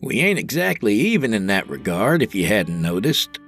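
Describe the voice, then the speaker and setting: A man's voice: lowish voice, moderate pace, breathy edge, faint music behind. Wry man narrating a story. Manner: wry, colloquial storytelling with animated swings. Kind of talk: first-person audio drama narration.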